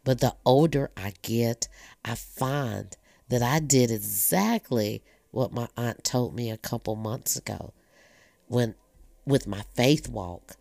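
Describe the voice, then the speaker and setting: A woman's voice: very deep voice, takes it slowly, creaky, a little mellow, dry recording. A woman in her fifties giving a candid, earnest monologue as she reflects on her family and faith. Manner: talkative, earnest and personal. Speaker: blogger sharing personal reflections.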